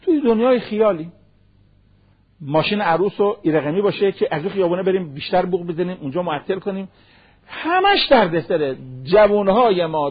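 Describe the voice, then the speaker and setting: A man preaching a sermon, quoting Arabic verses and hadith in a slow recitation and asking rhetorical questions. He acts out the voices of people he imagines. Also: high-pitched, slightly rough. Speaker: cleric. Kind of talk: sermon on marriage. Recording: dull lo-fi radio broadcast.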